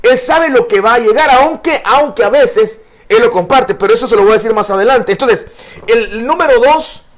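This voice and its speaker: Pastor guy with a really high voice walking thru bible verses, lots of "eh" and repeats. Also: moderate pace. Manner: earnest, repeats words, frequent fillers; addresses listeners as brother. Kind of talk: Bible study teaching.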